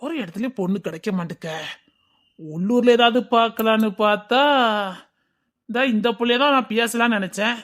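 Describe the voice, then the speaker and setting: A man's voice: high voice, brisk, long pauses, a bit bright. A man playing a suspicious village father who scolds his son and threatens him. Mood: musing. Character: stern village father hunting a bride for his elder son.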